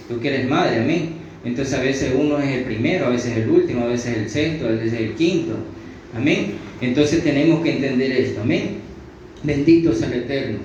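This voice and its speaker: A religious teacher with a darkish, mid-range voice and a Latin American Spanish accent gives an extemporaneous Bible sermon. He says "amen" after his phrases, repeats himself and restarts hesitantly. The sound is distant, dull and very echoey, with faint noise underneath.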